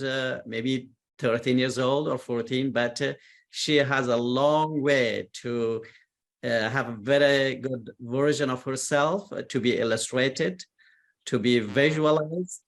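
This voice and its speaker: A man hosting an online session, introducing speakers with halting, repeated words. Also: mid-range voice. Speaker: host.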